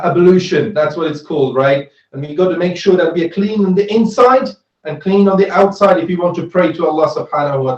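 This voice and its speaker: In a high but darkish voice, a Swiss man teaches Islamic studies through an interactive lesson, asking questions, repeating himself and frequently checking in with "right?". The sound is lo-fi, roomy and echoey.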